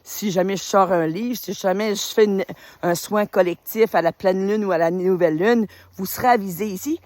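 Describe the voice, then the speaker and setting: Standing on a road in winter, this spiritual group leader, a retired teacher from New Brunswick in her fifties, greets her followers in a casual, rambling phone recording. She talks at a normal speed in a mid-range voice with no echo, warmly and enthusiastically, using many fillers.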